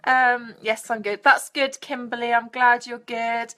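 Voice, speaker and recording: Young British woman live-streaming, high bright voice, chatty and crude, unhurried. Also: level tone. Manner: bubbly, crude jokey asides. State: out of breath. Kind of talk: casual live stream chat greeting viewers.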